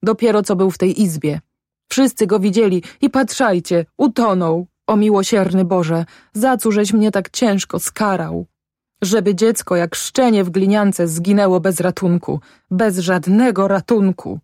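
A woman's voice: mid-range voice, a little slow, mellow, dry recording, studio quality, voice pushed up, natural voice. A woman voicing a grieving peasant mother, lamenting in a raised voice in an audiobook. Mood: wailing grief. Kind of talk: audiobook character voice.

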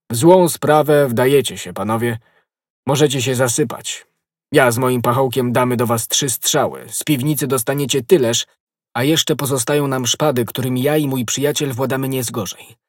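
A man's voice: medium pitch, no room sound, clean studio sound, lightly acted. A man voicing a bold young swordsman in an audiobook, speaking firmly and with authority. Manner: firm, commanding. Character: bold young male swordsman, calm and commanding. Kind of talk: audiobook role.

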